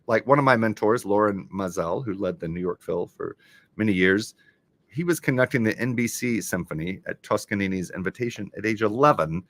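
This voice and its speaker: A man's voice: medium pitch, fairly bright tone. A man hosting a casual live stream, reading crossword clues aloud and chatting about them as he goes.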